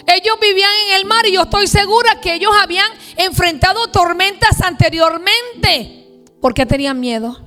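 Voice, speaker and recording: A woman's voice: very high-pitched, fairly bright tone. A woman pastor preaching a sermon emphatically, stretching out key words and stacking phrases in lists. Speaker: pastor and prophet. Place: church.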